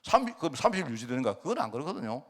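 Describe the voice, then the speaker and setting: A man's voice: mid-range voice, very animated, racing. A middle-aged male pastor with a Gyeongsang Korean accent, preaching a storytelling sermon full of rhetorical questions.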